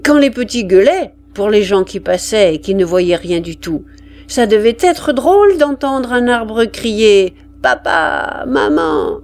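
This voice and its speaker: A woman reading aloud and voicing a gruff male army sergeant, blustering and exclaiming. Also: mid-range voice, animated, slow, darkish tone. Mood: rallying.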